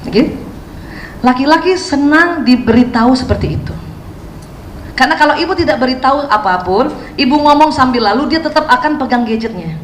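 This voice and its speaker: A woman's voice: sits high, animated, brisk. A woman giving a religious lecture to women, asking the audience questions and acting out prayers. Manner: asks the audience questions and acts out prayers and quotes. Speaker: Islamic parenting speaker. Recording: echoey hall, faint background noise.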